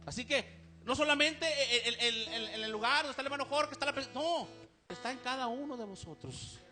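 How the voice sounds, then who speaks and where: A man's voice: very high voice, brisk, pushed and bright, soft background music. A man with a Mexican Spanish accent preaching a sermon to his congregation, asking them questions and saying amen often. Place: church service, live stream.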